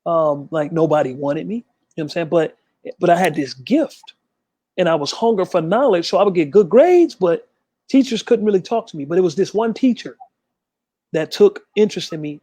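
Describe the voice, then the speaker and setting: Interview guest, man, slightly high voice, dry close sound, fast animated storyteller. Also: no room sound. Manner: quick, emphatic, acts out quoted voices. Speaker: interview guest, gospel artist. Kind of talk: candid storytelling.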